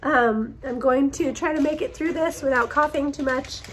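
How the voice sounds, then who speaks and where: A woman in her thirties, still getting over a cold, talks at normal speed in a high, fairly bright voice that sounds strained. She's a vlogger filming a grocery haul on a phone held at arm's length in her farmhouse kitchen, chatty and upbeat with a homey feel and lots of ums.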